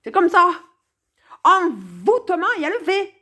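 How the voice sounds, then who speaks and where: In a very high-pitched, sing-song voice with a sharp tone, a woman unhurriedly delivers sarcastic, playful commentary on a song. She speaks straight to the viewer, swinging from mutters to exclamations.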